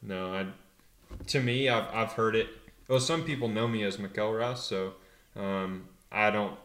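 A young man and pro rider answering interview questions in a relaxed, hesitant way, full of fillers and restarts. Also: on the low side, unhurried, reverberant. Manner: laid-back, hesitant, many fillers and restarts. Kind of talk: casual interview.

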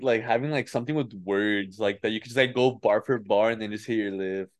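A man's voice: lowish voice, a little fast. A young man bantering casually with friends in a slangy, profane frat-bro way. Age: young adult. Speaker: baseball pitcher.

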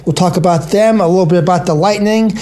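A man's voice: high-pitched, fast, mellow, slight background noise. An American man hosting a sports radio show, talking through the games in a monologue.

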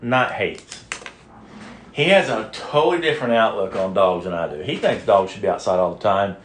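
Low-voiced man in an echoey room. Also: moderate pace, slight background noise. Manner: rambling, jokey and crude. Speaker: podcast host. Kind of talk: casual chat.

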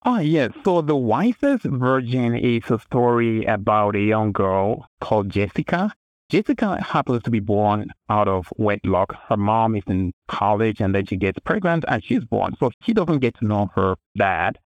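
Man with a lively, dry voice. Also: on the low side, moderate pace, no echo. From Cameroon. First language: a language other than English. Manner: earnest, storytelling, many restarts. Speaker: author and guest. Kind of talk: interview answers.

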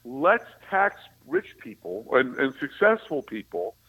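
Sarcastic, bright-voiced man ranting about politics. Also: mid-range voice, very animated, measured pace, creaky, slightly rough, poor audio. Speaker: political talk show commentator. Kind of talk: opinionated political talk.

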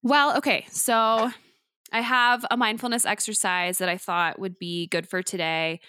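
A woman co-hosting a podcast, chatting casually and leading a calm guided breathing exercise with steady, affirming talk. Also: medium pitch, a little slow, clear, resonant tone, no echo, studio quality. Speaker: podcast co-host.

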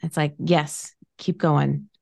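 A woman in her late thirties, a podcast host, talking in a casual, affirming way, slowly drawing out her phrases with fillers. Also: low-pitched, little pitch movement, gravelly, mellow, dry recording, clean studio sound. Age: late 30s. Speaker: podcast host, financial planner. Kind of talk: casual conversation.

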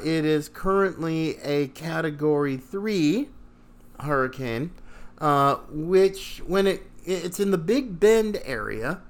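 A man hosting a podcast in a conversational monologue, showy like a ringmaster when announcing and halting between phrases. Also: fairly high pitch. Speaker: podcast host.

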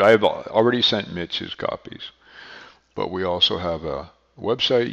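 A middle-aged or older man hosting a podcast alone, talking casually and earnestly in a halting way. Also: fairly low pitch, creaky, fairly bright tone. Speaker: podcast host, beekeeper. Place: echoey makeshift indoor studio. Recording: echoey hall-like studio, dull sound.

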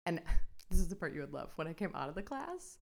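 A woman in her thirties co-hosting a podcast, chatting casually and telling animated stories, acting out the voices of people she quotes. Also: on the low side, fairly quick, vocal fry. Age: 30s. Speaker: podcast co-host. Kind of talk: casual chat.

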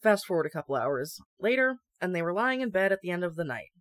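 A young woman co-hosting a casual chat and reading stories aloud, chatty and quick to laugh. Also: on the low side, big pitch swings, a bit bright, dry recording. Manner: chatty and giggly. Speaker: podcast co-host.

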